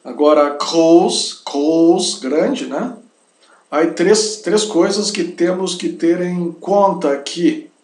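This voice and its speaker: Taking things slowly, this man teaches German with a high-sitting, darkish voice. Each word gets said more than once, followed by little tag questions to check in, and the recording carries a roomy echo throughout the unhurried lesson.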